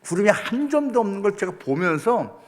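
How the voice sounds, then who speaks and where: A middle-aged man preaching a sermon, telling a story with lively acted-out quotes. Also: high voice, normal speed. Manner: animated storytelling, acting out prayers and quotes. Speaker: pastor.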